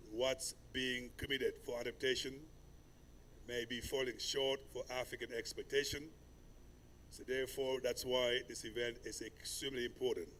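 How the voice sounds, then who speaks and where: A man from Senegal moderating a climate summit panel, speaking in a measured, ceremonial way in a conference hall. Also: medium pitch, a bit bright, a little hiss or hum.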